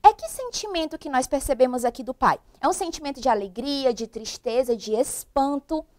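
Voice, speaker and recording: A woman's voice: sits high, expressive, normal speed, darkish tone. A woman teaching a primary school class on a broadcast lesson, asking the children at home many questions. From Brazil. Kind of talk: televised remote classroom lesson.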